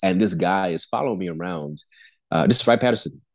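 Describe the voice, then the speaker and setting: Tiefstimmiger Mann, ernst predigend. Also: male voice, low voice, lively intonation, brisk, creaky, no room sound. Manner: earnest preaching tone, many restarts and repeated words, chuckles between phrases. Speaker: pastor and Air Force airman, podcast guest. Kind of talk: candid faith testimony in a podcast conversation.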